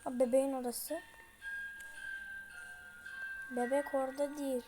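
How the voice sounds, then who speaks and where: High-voiced young woman narrating a horror game. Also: flat delivery, fast talker, over music. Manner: chatty, slangy, panicky outbursts pleading with the game. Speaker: gameplay streamer. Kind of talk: casual horror game commentary.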